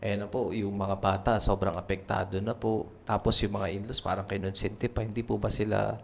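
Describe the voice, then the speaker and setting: A man's voice: lowish voice, little pitch movement, brisk, vocal fry, a little hiss or hum. A man interviewing a guest, asking long, polite, winding questions.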